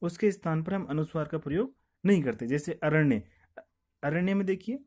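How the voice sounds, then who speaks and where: A man's voice: fairly high pitch, moderate pace, darkish tone. A male teacher talks a class through a grammar lesson. He explains each rule step by step, poses a question, answers it himself, and says the key point again so it sticks. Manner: repeats each point, asks then answers his own questions.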